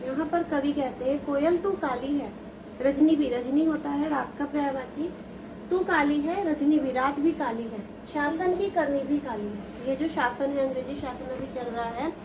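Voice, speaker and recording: A woman teacher who reads verse lines slowly and then explains them in plain talk to students. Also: high voice, background noise. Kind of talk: explaining a Hindi poem to students.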